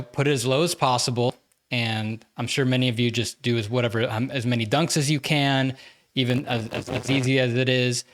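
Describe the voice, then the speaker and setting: A man co-hosting a sports podcast in casual chat, with a halting, rambling delivery. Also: medium pitch, a bit bright.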